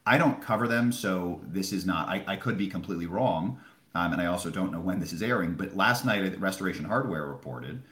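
A man's voice: deep voice, a little fast, a bit bright. A man giving conversational expert analysis as a retail analyst in a podcast interview, explaining emphatically and posing questions that he answers himself. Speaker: Wall Street retail analyst. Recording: roomy, echoing sound.

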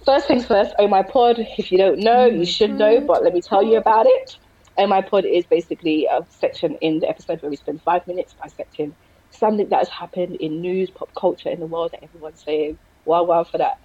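A woman's voice: fairly low pitch, brisk, dark tone, highs cut off. A woman in her late twenties with a South London accent, chatting casually as a podcast co-host. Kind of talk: casual chat. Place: remote virtual recording. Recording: clear background noise on virtual call.

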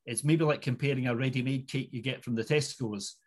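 A middle-aged man with a Scottish Highland accent, talking conversationally as an expert guest in an interview. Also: steady tone, fairly quick. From Inverness, Scottish Highlands.

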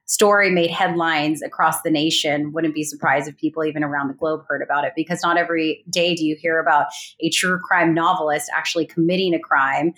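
Halting lower-pitched woman telling a story. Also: fairly even intonation, a bit bright. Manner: hesitant, many fillers and restarts. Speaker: guest recounting a colleague's murder. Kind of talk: casual interview storytelling.

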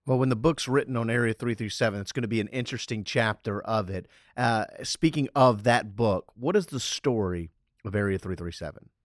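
A man's voice: on the low side, a little fast, dry recording, studio quality. A man co-hosting a talk show, asking long rambling questions. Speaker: co-host. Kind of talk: casual interview talk.

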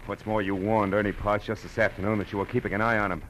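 In a noisy vintage radio recording, a male American actor leads and narrates a hard-boiled 1940s drama as a tough, wry private detective telling his case. His lowish, slightly bright voice is natural and quick, with little pitch movement. The clipped, sardonic, slangy delivery feels urgent and insistent.

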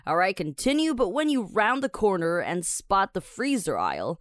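Woman, podcast English teacher, upbeat and chatty, mid pitch, dry close mic. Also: sing-song, normal speed, no room sound. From Taiwan. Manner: upbeat, chatty, explains words step by step. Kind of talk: podcast lesson.

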